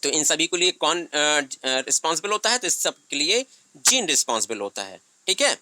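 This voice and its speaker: A man teaching biology online talks in Hindi sprinkled with English terms, asking himself questions and then answering them while repeating "thik hai." His voice is on the high side and sing-song, moderately paced, pushed and bright, with no echo.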